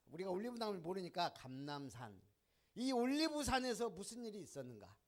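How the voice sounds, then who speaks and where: A male pastor preaches to his congregation, tossing out questions and answering them himself. His voice sits high and swings widely in pitch as he drives each point home. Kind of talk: sermon.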